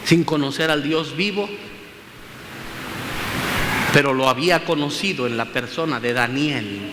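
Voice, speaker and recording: A man with a slightly high voice preaches a sermon in a church at a measured pace, speaking emphatically, repeating phrases, and addressing his listeners as brothers. The recording carries a long hall reverb and faint room noise.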